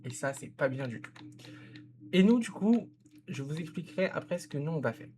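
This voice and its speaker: A man's voice: a little high, animated, moderate pace, darkish tone, a little hiss or hum. A man casually commenting on a zoo-building game, giving direct advice to the viewer and often correcting himself. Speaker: game content creator reviewing a viewer's zoo.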